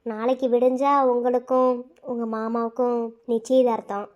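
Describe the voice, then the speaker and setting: A blunt young cartoon man laying down hard truths, as a woman voices him. The voice is high for a man, steady and lecturing. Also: normal speed, highs cut off, close to an everyday voice. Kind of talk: cartoon voice acting.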